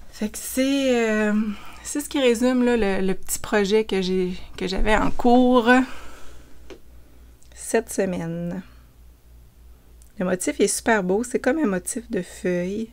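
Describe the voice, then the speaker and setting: A woman with a Quebec French accent, casually chatting through a knitting vlog with frequent fillers. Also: medium pitch. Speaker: knitting vlogger. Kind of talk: casual show-and-tell chat.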